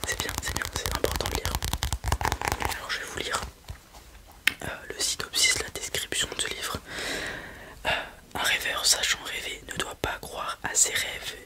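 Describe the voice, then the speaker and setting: A person doing an ASMR whispered role-play as a helpful librarian, speaking in a soft, breathy library whisper. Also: normal speed, long pauses. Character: helpful librarian recommending children's books to a parent.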